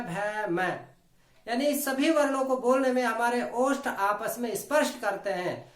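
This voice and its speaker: Woman, grammar teacher, exam-prep lesson, slow and deliberate, fairly high voice, sounds out each letter, echoey room. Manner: slow, deliberate, demonstrates sounds aloud one by one.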